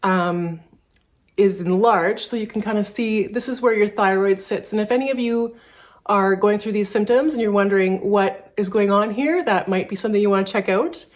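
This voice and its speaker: A woman's voice: mid-range voice, moderate pace. Canadian woman in her 30s vlogging to camera, bit out of breath, rambly, lots of restarts and ums. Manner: candid, rambling, many restarts and fillers. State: a little out of breath. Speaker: furniture repair business owner. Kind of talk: personal vlog talking to camera.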